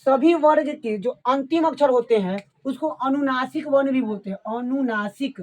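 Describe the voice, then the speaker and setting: A woman teaching a grammar lesson. She asks questions and answers them herself, and she repeats key terms slowly. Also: high voice, darkish tone.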